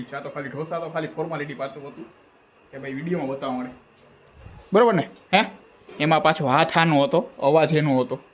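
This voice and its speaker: A man's voice: a little high, a little hiss or hum, rough recording. A young man, chatting casually and teasing his family in a home vlog. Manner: playful, teasing banter. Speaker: family vlogger.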